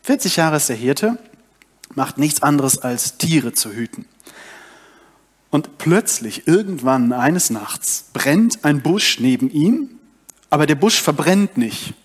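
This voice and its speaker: A man's voice: a little high, very animated, slow pace, husky. A young adult man giving a sermon, retelling a story and addressing the congregation directly. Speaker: preacher.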